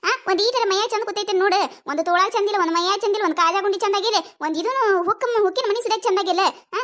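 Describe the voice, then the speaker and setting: A performer voicing an angry village woman with a North Karnataka accent who complains fast and high in a cartoon comedy. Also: fairly bright tone. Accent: North Karnataka Kannada. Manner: quick, high, scolding complaints. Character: angry village woman customer, fussy about her blouse.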